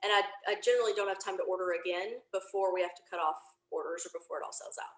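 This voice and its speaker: Speaking fast in a fairly low voice, this woman is an interview guest on a remote video call from her home office. She rambles through a detailed, informal explanation of the podcast venture she created, and the low-quality recording is reverberant.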